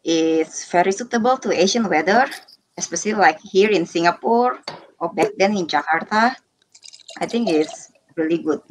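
A woman's voice: on the low side, normal speed, a little hiss or hum, rough recording. A young woman from Indonesia, a sommelier, chatting casually while tasting wine on a video call. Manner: casual, chatty, informal phrasing. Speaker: sommelier guest.

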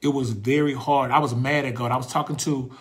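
Hosting a talk on faith, this fortyish man speaks in a fervent, preacherly style, driving points home through repetition and groping for words in his more reflective moments. His mid-range voice is steady and fairly bright.

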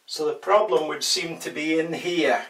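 An older man's fairly high, slightly bright voice holds a steady tone at a moderate pace as he presents a hands-on DIY tutorial, casual and wry with self-deprecating humour. There's slight background noise, and the small tiled shower adds a roomy echo to the distant mic.

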